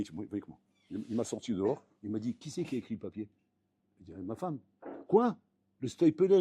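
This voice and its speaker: A man giving a Torah class as a rabbi, telling stories with acted-out voices and building up to loud, emphatic peaks, often calling out to his listeners. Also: a little high, slightly rough, no room sound. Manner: lively storytelling, acting out voices, rising to loud emphatic peaks; French mixed with Hebrew terms, repeated address to the audience. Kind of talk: storytelling Torah lesson.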